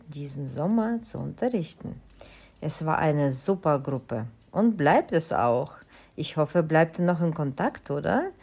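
A woman teacher hosts a university podcast and addresses her students in a slow, heartfelt way. Her voice is mellow and dark, and her melody rises and falls a lot. She sounds affectionate and takes her time. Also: sits low, husky. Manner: unhurried and affectionate, with a lively melody.

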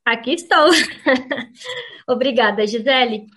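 High-pitched lady teacher explaining pronunciation on the radio, careful and clear. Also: slow pace, a bit bright. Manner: clear, didactic, demonstrates sounds aloud. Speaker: language teacher.

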